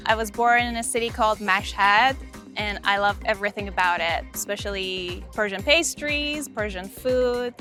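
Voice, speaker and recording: Bright-voiced woman introducing herself. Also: mid-range voice. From Iran. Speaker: master's student introducing herself. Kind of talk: scripted self-introduction.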